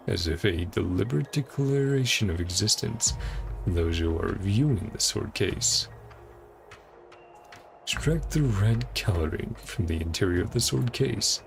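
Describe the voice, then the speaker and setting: This is a content creator's relaxed playthrough of a story quest, with the man thinking out loud, speculating, and voicing the game's text as he reads it. His voice sits lowish and has a creaky quality.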